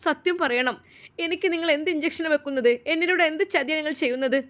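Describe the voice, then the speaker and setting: A woman's voice: high-pitched, quick pace, a bit bright, pitched above the performer's own voice. A woman voicing a frightened young wife who accuses her husband and pleads for the truth. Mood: accusing. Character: young deceived wife, frightened but defiant.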